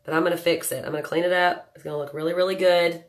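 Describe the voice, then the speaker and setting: In a small indoor room at home, a makeup livestream host in her thirties chats casually while working on her look, joking around and calling out viewers by name. Her lowish, steady voice is nasal from a cold, and she races through her words.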